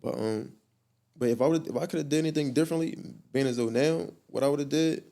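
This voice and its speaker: A man's voice: fairly high pitch, quick pace, gravelly, warm tone. A young man speaking as a guest, telling his story in slangy, profane talk full of restarts. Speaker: guest artist. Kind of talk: candid storytelling interview.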